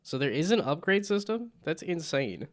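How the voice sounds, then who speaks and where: A man's voice: on the high side, very animated, moderate pace. A man streaming a game, chatting casually, laughing often and reading the game's text aloud.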